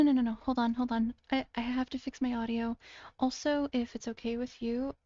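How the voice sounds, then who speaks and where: A woman's voice: fairly high pitch, dark tone, no room sound, lo-fi sound. A tired, sleepy-sounding woman hosting a casual voice call, hesitant and full of ums and restarts. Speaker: video creator hosting a call.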